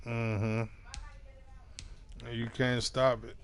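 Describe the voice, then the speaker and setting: A man's voice: mid-range voice, little pitch movement, very slow, a little hiss or hum. A young man streaming a football video game, teasing and mocking his opponent in slangy casual trash talk.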